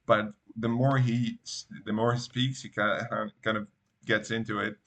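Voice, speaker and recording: A man's voice: fairly low pitch, level tone, moderate pace, vocal fry, fairly bright tone. Hesitant man, native Spanish speaker. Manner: hesitant, repeats words. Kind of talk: casual bilingual conversation.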